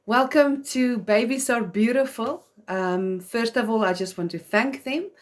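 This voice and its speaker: Her voice sits a little high and she takes her time. An Afrikaans-speaking South African woman, she addresses mothers on a livestream in English, sincere and talkative, with plenty of filler words.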